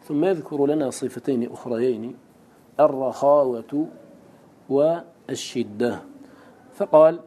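A man's voice: mid-range voice, a little slow, long pauses, dark tone. A man teaching a lesson on a classical poem, who asks rhetorical questions and answers them himself. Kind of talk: lecture explaining a classical poem.

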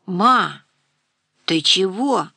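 A woman's voice: mid-range voice, animated, drawn-out words, creaky, bright, forceful tone, slightly rough, dry recording, exaggerated voice. A sulky, defiant young woman snaps back at her mother, as a woman narrator puts her on. She sounds petulant and stubborn. The reading is dry and close-miked. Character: defiant sleepy teenage-to-young-adult daughter.

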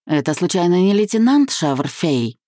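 A woman's voice: on the low side, very animated, moderate pace, mellow, no echo, clean studio sound, voice pushed up. A woman voicing a distraught young wife who speaks in a choked, tearful way. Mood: pleading.

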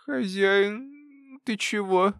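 A man's voice: sits high, drawn-out words, fairly bright tone, smooth, no echo, clean studio sound, pitched above the performer's own voice, exaggerated voice. A man doing a drowsy drawling pet rat. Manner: yawning, drawling. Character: sleepy lazy male pet rat.

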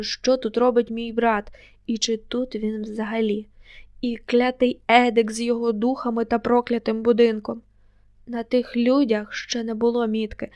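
A woman narrating a first-person novel in a measured, even reading voice. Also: on the high side, no room sound, clean studio sound. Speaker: audiobook narrator.

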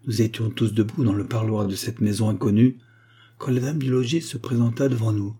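Low husky male audiobook narrator. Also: steady tone, mellow. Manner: measured, dramatic reading with voiced characters. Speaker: audiobook reader. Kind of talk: scripted narration of a classic novella.

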